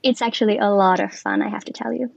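A woman from Finland, a guest on a podcast, explaining her work with frequent pauses and fillers. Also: mid-range voice, fairly even intonation, creaky, darkish tone, dry recording, muffled recording. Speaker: guest, commercial lead. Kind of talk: podcast interview.

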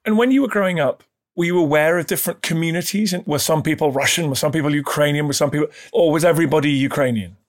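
A man's voice: on the high side, quick pace. A man interviewing a guest, asking polite and encouraging questions.

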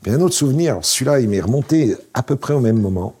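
A man in his late sixties, a guest in a casual interview, spins wry, rambling anecdotes packed with fillers. His mid-range voice moves fast with a breathy edge, and his manner stays relaxed.

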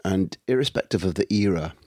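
A man, a football journalist, answering questions in long, thoughtful, halting analysis over a phone line. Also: deep voice, lively intonation, darkish tone, no room sound, clean studio sound. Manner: thoughtful, many pauses and fillers. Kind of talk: conversational analysis.

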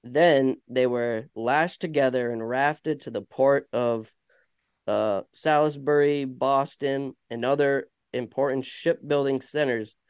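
Reading a story aloud on his podcast, a man from Vermont speaks with a smooth, medium-pitched voice and that regional accent. The clean studio recording has no room sound, and his casual delivery is halting, full of stumbles and self-corrections.

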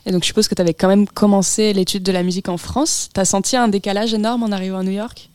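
A woman's voice: mid-range voice, fairly even intonation, fast, a little mellow. A woman radio host asking a guest questions in a friendly interview.

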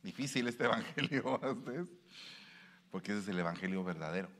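A male preacher, preaching with a bright, ringing tone. His pitch swings widely as he asks his listeners questions and stresses key words. He keeps an animated teaching rhythm. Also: brisk, in a large hall. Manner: animated, shifts pitch and pace for emphasis, asks the audience questions. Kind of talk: sermon.

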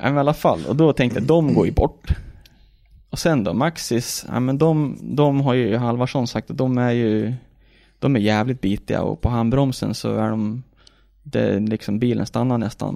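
Clean studio audio without room sound captures a racing driver's medium-pitched, gravelly voice as he chats casually. Telling his race story, he gets animated and recreates his own reactions with yells and laughter. His talk is peppered with swearing and repeated "liksom" and "jag bara."

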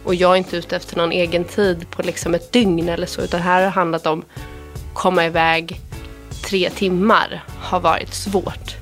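A woman in her thirties from Sweden tells a personal story as a podcast guest. Her voice sits low and she talks with open feeling. Faint music plays softly behind her. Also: little pitch movement. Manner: emotional, quotes others in a retelling voice.

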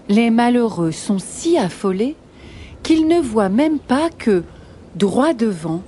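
Woman reading a kids' story, slow and lively, soft mellow voice. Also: fairly high pitch, slight background noise. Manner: expressive, unhurried storytelling.

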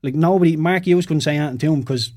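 A man, a former footballer, telling lively stories in casual podcast chat and laughing along the way. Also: fairly high pitch, fast. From Ireland.

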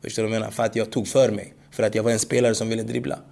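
Gravelly man telling stories in a podcast. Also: on the low side. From Sweden. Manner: animated storytelling, frequent "förstår du vad jag menar". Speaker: guest, former footballer. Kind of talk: podcast interview.

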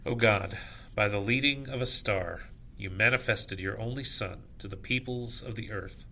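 A man officiating at evening prayer, reciting scripture and liturgy in measured, solemn short phrases. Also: fairly low pitch, gravelly, bright, forceful tone.

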